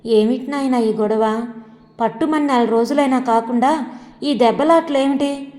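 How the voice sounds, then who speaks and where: Gentle anxious mother, read by a woman, soft coaxing manner, long reverb. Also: high voice, unhurried. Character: worried middle-aged mother, gentle and anxious.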